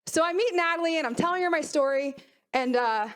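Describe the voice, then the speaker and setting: A woman mental performance coach giving an energetic motivational talk to a youth team, often asking the audience questions. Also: high-pitched, fairly quick.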